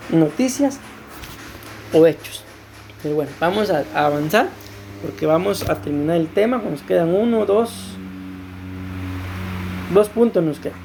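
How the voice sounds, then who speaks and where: A woman's voice: on the low side, dark tone, a little hiss or hum. A woman pastor with a Costa Rican accent preaching to a women's group, explaining scripture and asking rhetorical questions. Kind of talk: sermon.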